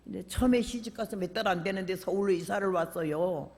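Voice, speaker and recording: An older woman preaching a revival sermon in a church, her voice gravelly and worn. She talks in an animated, colloquial way and acts out conversations as she goes. Her voice rings with a long reverb through the hall. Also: medium pitch, brisk. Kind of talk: sermon with personal storytelling. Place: church sanctuary.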